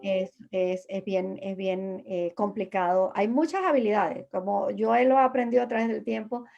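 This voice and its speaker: A woman's voice: mid-range voice, fairly even intonation, normal speed, creaky, darkish tone, muffled recording. A woman immigration lawyer giving patient, reassuring explanations as an interview guest, with many fillers and restarts.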